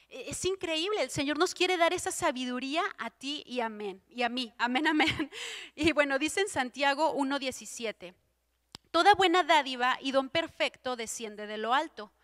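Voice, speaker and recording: A young woman giving an informal sermon with a personal testimony, acting out her prayers and filling pauses with "este". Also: high voice. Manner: lively, acts out her own prayers and quotes, frequent fillers like "este". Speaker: church speaker giving a testimony.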